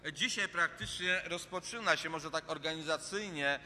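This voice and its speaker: Male preacher from Poland, earnest sermon, bright higher voice, hall reverb, faint rumble. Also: moderate pace. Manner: earnest, repetitive phrasing with hesitant fillers. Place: church hall. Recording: long reverb of a large hall.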